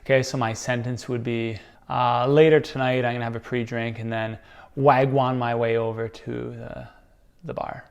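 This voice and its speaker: Gravelly-voiced man guessing out loud, jokey. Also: mid-range voice, flat delivery, moderate pace. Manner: jokey, thinking out loud with playful example sentences. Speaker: contestant guessing slang. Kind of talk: casual chat, improvised guessing game.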